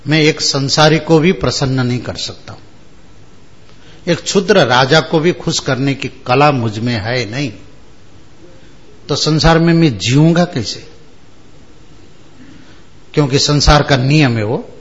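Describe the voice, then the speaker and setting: Slow, measured man giving a spiritual discourse. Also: mid-range voice, highs cut off. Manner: explains verses word by word, asks listeners "haan?". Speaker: religious discourse speaker. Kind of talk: Hindi spiritual discourse with chanted Sanskrit verses.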